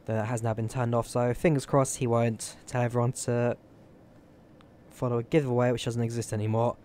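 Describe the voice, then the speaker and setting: With a darkish, medium-pitched voice that barely moves in pitch, this young British streamer talks at normal speed to viewers of his flight-sim stream. He's chatty and rambling, thinking aloud as he fiddles with settings, over a faint hiss or hum.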